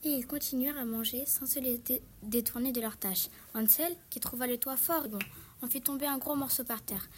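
A woman reading a fairy tale aloud in steady storybook narration. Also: high-pitched, moderate pace, slight background noise.

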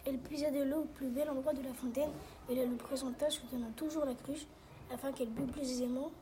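A woman narrating a fairy tale aloud in a steady storytelling manner. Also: sits high, fast talker, a little hiss or hum.

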